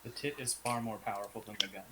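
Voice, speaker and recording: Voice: mid-range voice, steady tone, fast, fairly bright tone, rough recording. A player chatting casually and playing along in a tabletop game. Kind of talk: casual chat.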